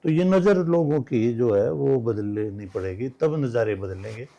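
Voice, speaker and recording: A man's voice: mid-range voice, a little slow, creaky, warm tone, muffled recording. An older man from Haryana, a guest telling stories in a casual interview chat. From Haryana, India. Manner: storytelling, acting out quoted dialogue. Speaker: guest writer.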